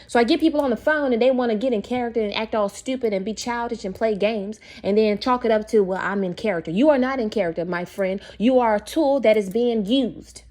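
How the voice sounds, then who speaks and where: Opinionated young woman with a mellow voice. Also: fairly high pitch, fairly quick, few pauses. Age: young adult. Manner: opinionated, preachy, addresses viewers directly. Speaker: video host. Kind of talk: casual monologue to camera.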